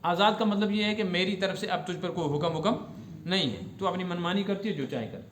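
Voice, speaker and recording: A religious teacher with a high voice explains rulings step by step and asks his students whether they have understood. The sound is roomy.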